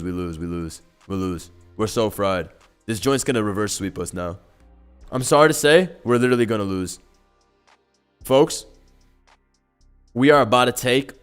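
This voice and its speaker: A young man doing live gaming commentary on a stream, full of slang and curses, dropping to low mutters and then shouting when a play goes wrong. His voice sits fairly low but jumps all over the place. Faint music plays under him. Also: clear, resonant tone. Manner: excitable, profane, slangy, swings from mumbling to yelling.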